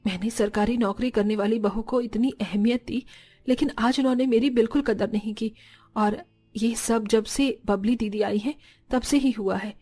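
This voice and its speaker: A woman's voice: a little high, steady tone, normal speed, dark tone, lightly acted. A woman voicing a middle-aged mother-in-law in a dubbed cartoon, talking in a plain, earnest, conversational way. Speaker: voice actor.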